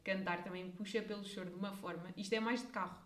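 A woman's voice: medium pitch, fairly even intonation, fast, a bit bright. A young woman with a European Portuguese accent co-hosting a podcast, talking in an emphatic, opinionated, playful way. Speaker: podcast co-host. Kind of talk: casual chat. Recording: echoey room.

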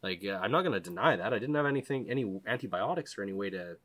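A man with a bright, forceful voice that sits a little low. He tells a rough outdoor story in casual talk, swearing freely and acting out what he was thinking at the time. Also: very fast. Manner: profane, animated, quotes his own thoughts. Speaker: guest telling a survival story.

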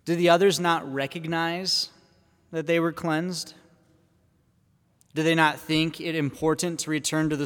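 A man, a priest, giving a Sunday homily at a pulpit microphone in a church, speaking in a measured way and posing questions to the congregation. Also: on the high side, a bit bright. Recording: long church reverb.

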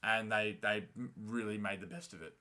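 Bright-voiced man, chatty and full of fillers. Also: fairly low pitch, moderate pace. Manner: full of filler words like "like", "um" and "you know"; animated, slangy and sweary. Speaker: co-host of a fan discussion show. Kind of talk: casual chat recapping a fantasy TV series.

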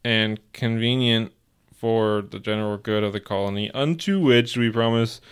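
A grand old-timey reader, put on by a man reads with slow, stately weight. The voice sits low and sounds smooth and resonant. Every phrase is drawn out as if proclaimed before a crowd. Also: natural voice. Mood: solemn.

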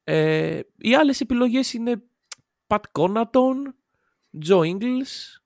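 A man chatting casually as a podcast co-host, animated, with quick interjections. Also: very high voice, vocal fry, dry recording, clean studio sound. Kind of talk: casual basketball chat.

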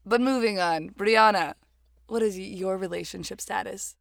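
A woman co-hosting a podcast, blunt and joking, swearing casually. Her voice has a gravelly fry at a middle pitch. She is recorded inside a walk-in closet, so the sound is close and dry. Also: normal speed, no echo. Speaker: podcast co-host.

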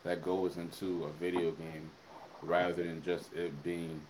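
Man, 20s, very low voice, casual podcast co-host, loose and filler-heavy, faint hiss behind. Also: a little slow, low-quality recording. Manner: relaxed, rambling with many fillers. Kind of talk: casual chat.

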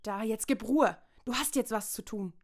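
A woman's voice: fairly high pitch, moderate pace. A woman from Saxony-Anhalt in a satirical stage monologue, prim and self-important, lecturing. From Saxony-Anhalt, Germany.

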